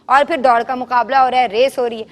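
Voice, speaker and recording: In a long-reverb studio hall, a woman hosting a children's show runs a call-and-response, asking questions and urging the kids to answer louder. Her high, bright voice keeps a fairly even intonation. She coaxes gently as she tells her stories.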